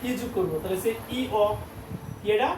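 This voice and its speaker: Guy teaching a class, high voice, keeps repeating sounds and asking students back, roomy echo and noise. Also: normal speed. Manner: drills sounds, asks the class to repeat, patient and emphatic. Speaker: Korean language teacher. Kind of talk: classroom lesson with call-and-response. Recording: echoey classroom from a distance with background noise.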